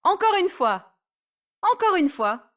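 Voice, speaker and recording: A woman's voice: sits high, very animated, slow, voice pushed up, full character voice. A woman voicing a teasing teenage boy who loves to joke, in a playful, mocking manner. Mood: eager. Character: teasing teen boy, cheeky joker. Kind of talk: audiobook character voice.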